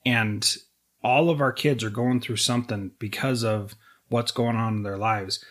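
A man's voice: mid-range voice, steady tone. A man hosting an education podcast, talking earnestly and at times emotionally. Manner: earnest, emotional, speaks in quick bursts. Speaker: podcast host. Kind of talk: conversational interview.

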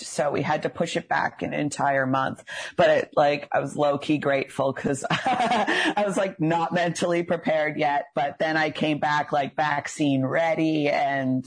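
A young adult esthetician from Cape Breton with a Canadian accent, chatting casually as an interview guest in a female-sounding voice. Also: medium pitch. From Cape Breton, Nova Scotia, Canada. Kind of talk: casual chat.

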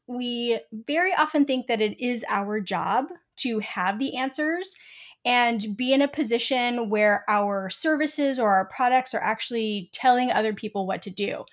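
An upbeat woman hosts a business podcast and introduces her guest with enthusiasm. Her voice sits a little high, and she talks quickly. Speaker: podcast host. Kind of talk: podcast interview.

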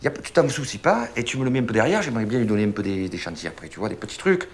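An actor playing a loud, swaggering middle-aged boss of workmen, with a Marseille accent and a coaxing, slangy way of talking. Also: male voice, fairly low pitch, lively intonation, racing, a little hiss or hum. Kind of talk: film acting.

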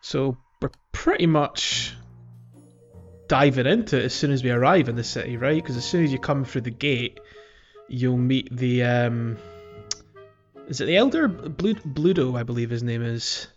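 A podcast co-host with a medium-pitched, lively voice chats casually about gaming at a moderate pace, rambling a bit hesitantly. Music plays behind him, and the audio is dull and lo-fi.

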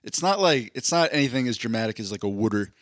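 A man from southeastern Pennsylvania with a slight accent co-hosts a casual podcast, talking fast and chattily with stammered restarts and animated jumps in pitch. The sound is clean studio quality with no room sound.

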